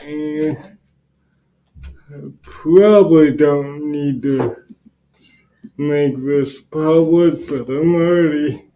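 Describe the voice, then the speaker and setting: A man teaching a casual Bible lesson to teens, halting, with many fillers and restarts. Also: a little high, dark tone. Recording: roomy, dull lo-fi livestream audio.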